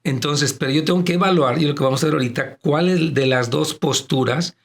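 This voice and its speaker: Brisk and gravelly, with a fairly high pitch, this pastor projects strongly in a Latin American Spanish accent while hosting a church program. Calling his audience brethren, he explains his take on religion and politics in a conversational way.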